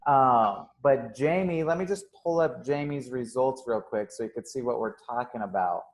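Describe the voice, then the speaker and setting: With a mid-range voice at a moderate pace, a young man hosts a live interview. He owns a gym, and his manner is upbeat and casual, heavy on fillers like um and uh.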